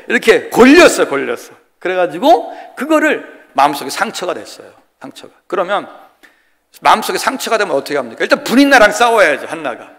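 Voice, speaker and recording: Lively older pastor preaching in a hall. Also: male voice, fairly high pitch, gravelly. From Korea, Chungcheong region. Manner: folksy, joking, asks the congregation questions. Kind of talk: sermon. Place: church sanctuary. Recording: long church hall reverb.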